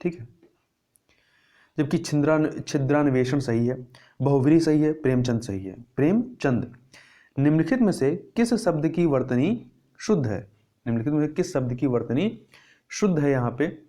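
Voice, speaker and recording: A man's voice: a little high, animated, moderate pace, warm tone. A man teaching Hindi grammar, going through test answers and repeating words to stress the correct spelling.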